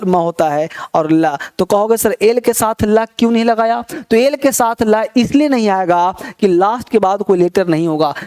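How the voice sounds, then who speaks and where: A man teaching English pronunciation, repeating each word slowly so learners can say it along. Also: sits high, a little mellow. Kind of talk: classroom lesson.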